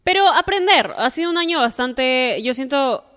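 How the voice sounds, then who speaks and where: A woman hosts her podcast, gushing playful compliments at the listener in a casual chat. Her voice sits fairly high. The recording carries a long reverberant tail. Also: moderate pace. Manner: playful, flattering, exuberant pep talk. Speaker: podcast host.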